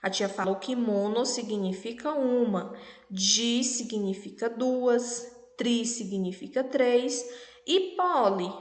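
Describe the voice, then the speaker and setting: Brazilian lady teacher talking to little kids, kinda high voice, slow careful words, boomy echoey room. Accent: Brazilian Portuguese. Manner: patient, checks in with "tá bom?" and "né?" often; clear, over-articulates words for children. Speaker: primary school teacher. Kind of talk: recorded online lesson for children. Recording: echoey room with long reverb.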